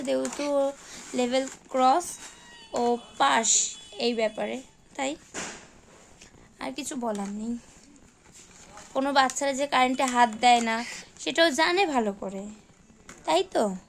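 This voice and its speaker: A woman's voice: high voice, creaky, a little hiss or hum. A woman in her thirties filming a casual home vlog, chatting, teasing and scolding her child in a room indoors on a handheld phone camera. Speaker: mother vlogger.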